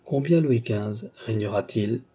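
A man's voice: fairly low pitch, mellow. Man reading as a grave old philosopher. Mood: solemn. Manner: grave, measured, portentous. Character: solemn old male philosopher, grave and prophetic.

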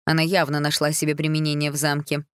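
A woman voicing a jealous, cruel queen who shouts and mocks in an audiobook. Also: completely flat delivery, quick pace, clean tone, no echo, clean studio sound, close to an everyday voice. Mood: sarcastic. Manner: shrill shouting and biting sarcasm.

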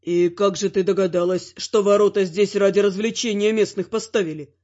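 Woman putting on a low sly demon lord. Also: steady tone, moderate pace, dark tone, lightly acted. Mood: probing. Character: dark scheming male demon lord, sly. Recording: slightly dull lo-fi sound.

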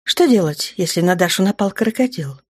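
A woman voicing a spirited grown woman commander and caring mother, with a lively, brisk delivery in an audiobook. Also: on the low side, husky. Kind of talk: audiobook character voice.

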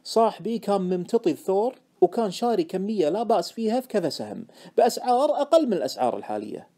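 A male audiobook narrator tells the story in the first person. His delivery is quick and animated, rising and falling freely, with a dark, mellow timbre. It is scripted, expressive narration. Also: sits high.

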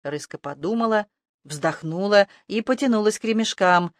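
An audiobook narrator reads a fantasy tale in an even storytelling delivery. The recording is close and dry, with a middling pitch. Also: normal speed, dry recording.

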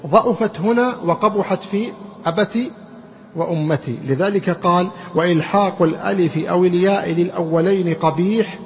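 A man giving a grammar lesson. He explains slowly and keeps quizzing his students with questions. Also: high-pitched, slight background noise. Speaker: grammar teacher. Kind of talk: classroom lecture. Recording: muffled recording in a reverberant hall.

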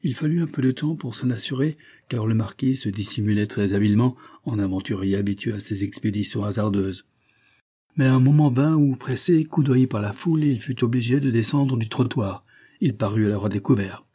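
A man reading a classic novel aloud as narrator, at a measured pace. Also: medium pitch, warm tone, breathy edge. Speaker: audiobook reader.

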